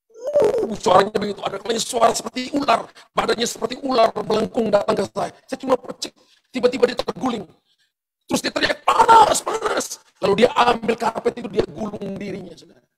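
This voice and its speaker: A middle-aged man preaches from a church stage, his voice sitting high for a man and carrying a gravelly edge. He tells his testimony in a lively way and keeps turning to the congregation with direct questions. He sounds like a pastor holding the room with a story. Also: a little hiss or hum, rough recording. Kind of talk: sermon.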